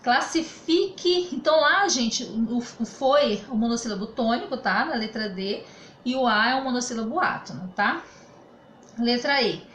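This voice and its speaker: A woman's voice: a little high, lively intonation, unhurried, a bit bright. Brazilian woman teacher, patient and echoey. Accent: Brazilian Portuguese. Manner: patient, explanatory, repeats "tá?" to check understanding. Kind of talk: remote grammar lesson. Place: home room during quarantine. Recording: echoey room with faint ambient noise.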